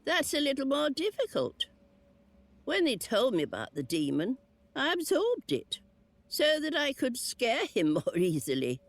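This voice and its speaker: In a game cutscene, a woman gives a full character voice to the lonely, wry ghost of a witch who was burned at the stake. Her high voice swoops wildly in pitch as she drawls slowly, dropping sly asides in a wistful mood. The recording is dry, with game music behind her.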